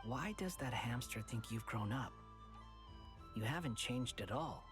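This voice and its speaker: A man's voice: medium pitch, lively intonation, unhurried, over music, close to an everyday voice. A man as sardonic, aloof young man. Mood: mocking. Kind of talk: video game character dialogue.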